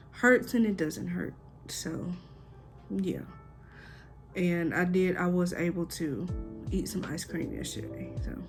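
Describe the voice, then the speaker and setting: A young woman talks casually to her vlog audience in an informal, chatty way. Her voice has a noticeable creak and sits at a medium pitch, with music playing behind her. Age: young adult. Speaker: vlogger. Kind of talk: casual vlog chat to camera.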